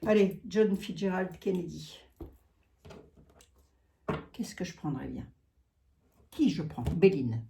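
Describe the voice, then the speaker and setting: Mellow-voiced woman with a Lorraine accent. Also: fairly low pitch, animated, slow pace, gravelly, long pauses, slight background noise. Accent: Lorraine French. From Lorraine, eastern France. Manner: chatty, folksy, peppers talk with "hein". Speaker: psychic card reader. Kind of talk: casual chat to viewers.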